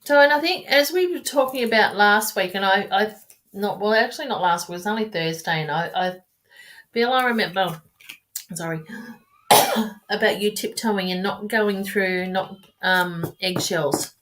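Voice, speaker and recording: A woman of medium pitch talks at a moderate pace with a fairly bright tone. Reading tarot casually for live-stream viewers, she's warm and chatty, drifting off and restarting her sentences, heard through a webcam or phone mic.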